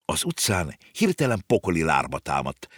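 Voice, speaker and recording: Lively low-voiced male storyteller. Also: dry recording, clean studio sound. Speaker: narrator. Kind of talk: audiobook narration.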